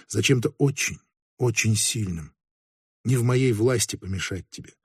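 A man reading the lines of a mysterious clairvoyant woman in an audiobook, speaking softly and quietly. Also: lowish voice, moderate pace, husky, no room sound, studio quality. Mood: hushed, knowing. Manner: quiet, soft-spoken.

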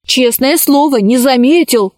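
A woman reading a children's story aloud, voicing an impulsive boy who talks eagerly and shouts. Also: high voice, unhurried, no echo, clean studio sound.

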